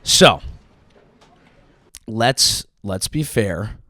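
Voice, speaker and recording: A man hosting his own show, delivering a profane, sarcastic comedic political monologue with sudden yelled outbursts. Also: lowish voice, animated, extremely slow. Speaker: comedian host.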